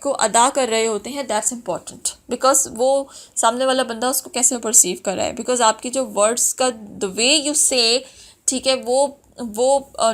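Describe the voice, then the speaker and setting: A woman giving a sales training lesson, mixing in English phrases with frequent fillers. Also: on the high side. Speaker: sales and customer service trainer. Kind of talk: instructional talk.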